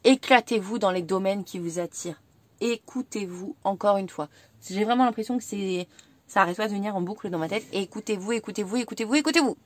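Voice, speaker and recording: French woman giving a gentle tarot reading. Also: medium pitch, brisk. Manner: gentle, reassuring, repeats herself. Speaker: tarot reader.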